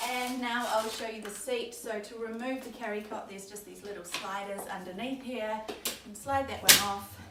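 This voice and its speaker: A woman's voice: a little high, fairly even intonation, unhurried. A young woman with a New Zealand accent, casually demonstrating a product and chatting with frequent ums. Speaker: store presenter demonstrating a stroller. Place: baby store. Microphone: camera mic at a distance. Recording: roomy, distant, loud background noise.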